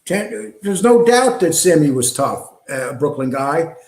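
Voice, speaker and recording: A man's voice: fairly high pitch, big pitch swings, measured pace, darkish tone. A middle-aged man from New hosts a casual live stream, rambling and reading chat with frequent ums and uhs. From New York. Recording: echoey room.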